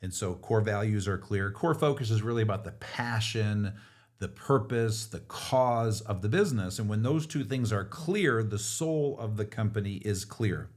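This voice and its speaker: A middle-aged man with a fairly low voice, talking through business concepts on a podcast. He explains in a relaxed, teacherly way. His speech is conversational. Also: normal speed. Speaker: business author and podcast co-host. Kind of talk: casual podcast talk.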